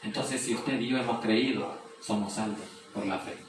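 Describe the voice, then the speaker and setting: Reading verses aloud and asking rhetorical questions, this pastor works through scripture in his sermon. His voice sits fairly low, with fairly even intonation and a moderate pace. It's captured from a distant mic in a very echoey room, with faint noise underneath.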